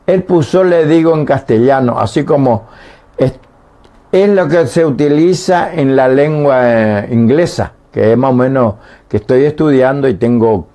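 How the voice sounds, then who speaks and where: A man's voice: medium pitch, warm tone. A man teaching a Guarani language lesson on the radio, explaining patiently and sounding out each vowel. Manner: slow, patient explanations, demonstrating sounds aloud. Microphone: radio studio microphone.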